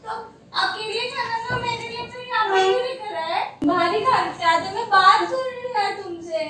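A woman's voice: very high voice, normal speed, recorded from a distance. A woman on camera in a prank vlog, crying and scolding her husband between bursts of laughter. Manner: tearful, scolding, half-laughing. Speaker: wife being pranked. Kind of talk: casual argument on camera. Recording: very echoey, off-mic, loud noise.

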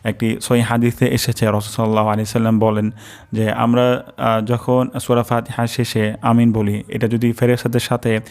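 A man teaching careful pronunciation, breaking words into syllables and repeating sounds slowly. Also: medium pitch, level tone, a little mellow. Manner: drawn-out melodic chanting when reciting verses. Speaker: Quran recitation teacher. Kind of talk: slow pronunciation lesson.

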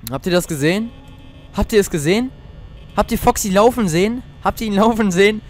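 A man's voice: high-pitched, brisk, a little hiss or hum. A teenage boy playing a horror game, jumpy and swearing often as he talks to his viewers. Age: teens. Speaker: let's player.

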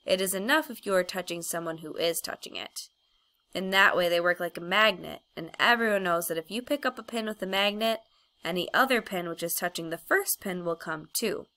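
Bright-voiced woman reading a storybook. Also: medium pitch, moderate pace. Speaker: audiobook reader. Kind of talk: storybook narration.

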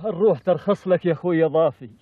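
High-pitched, impassioned Bedouin man, played by an actor. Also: very fast, no room sound, natural voice. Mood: overwhelmed joy. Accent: Bedouin Arabic. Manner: emotional, declamatory, repeating phrases. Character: passionate Bedouin man devoted to his newfound brother. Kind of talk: Bedouin television drama acting. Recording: muffled, phone-like, faint music.

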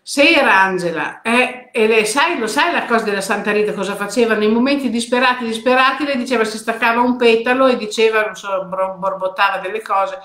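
A woman's voice: a little high, brisk, hardly any pauses, fairly bright tone, reverberant. An older woman from hosting a live stream, chatting casually and greeting viewers by name. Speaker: host of a weekly live stream. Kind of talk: casual live chat reading viewer comments.

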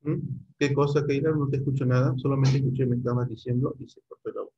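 Middle-aged male teacher, mellow and slightly husky voice, patient step-by-step online class, dull lo-fi call audio. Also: mid-range voice, fairly even intonation, fast talker. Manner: patient, step-by-step, checks in often with students. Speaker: computer teacher.

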